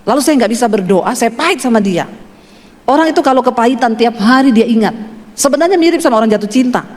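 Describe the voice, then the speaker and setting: A woman's voice: fairly high pitch, animated, fast talker, darkish tone. A woman from Sulawesi preaching a sermon. She tells stories in a chatty way and asks the congregation questions. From Sulawesi, Indonesia. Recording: reverberant hall.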